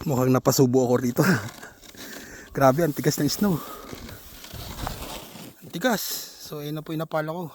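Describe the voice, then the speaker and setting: Older man, winded vlogger, chatty with frequent laughs, slightly high voice, faint noise behind. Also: normal speed, pauses often, a little mellow. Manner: chatty, laughs often between phrases. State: out of breath. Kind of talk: casual vlog narration while shoveling snow. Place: outdoors in winter snow.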